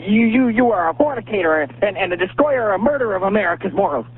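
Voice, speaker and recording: Male caller, preachy, stammering, high voice, husky, tinny phone line. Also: expressive, quick pace. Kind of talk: ranting phone call to a radio show.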